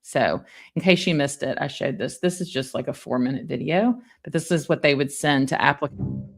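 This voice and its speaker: A woman with a low voice hosts an online stream. She talks casually to her live viewers, commenting as she moves through her material. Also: moderate pace.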